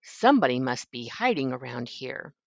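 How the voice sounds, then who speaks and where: A woman's voice: rumbling low, big pitch swings, normal speed, vocal fry, dry recording, pitched below the performer's own voice, heavily acted. An older woman voicing a puzzled but kindly male night watchman in a questioning, grandmotherly storybook reading.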